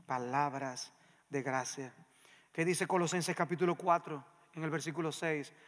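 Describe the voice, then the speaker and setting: A man preaches a sermon from the pulpit, his raised voice high and sharp. He pushes hard on key phrases, then pulls back to a near hush. A long reverb from the church sanctuary trails each line. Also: steady tone, a little slow. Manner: emphatic preaching that swings between loud and hushed. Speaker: pastor.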